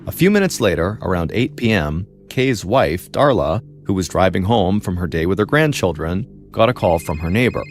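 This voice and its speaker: Deep-voiced man narrating true crime. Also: lively intonation, faint music behind. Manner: measured, dramatic storytelling with pauses. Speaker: podcast host and narrator.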